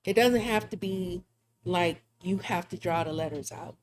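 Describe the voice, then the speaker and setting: A woman's voice: fairly low pitch, measured pace. A woman hosting a live drawing stream, chatting casually and laughing often as she thinks aloud. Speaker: livestream art host.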